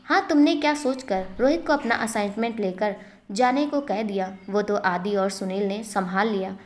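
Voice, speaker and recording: Brief: woman narrator doing a firm, protective old grandfather, in a mid-pitched voice. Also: moderate pace, lightly acted. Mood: stern. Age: older. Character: grandfather, stern and protective of his company.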